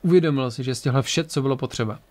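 A man's voice: medium pitch, darkish tone. Man reading a homemade audiobook. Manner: plain reading with coughs and restarts. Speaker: narrator.

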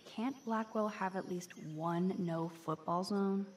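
A woman's voice: medium pitch, slow, a little hiss or hum, natural voice. An actress playing an earnest, quirky teenage girl, a student photographer in a video game. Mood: wry, playful.

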